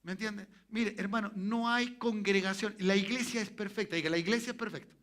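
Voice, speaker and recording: Chilean pastor guy preaching in church, high bright voice, keeps asking for amen. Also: a little fast. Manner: animated preaching, asks the congregation for amen. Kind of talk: sermon. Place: church sanctuary.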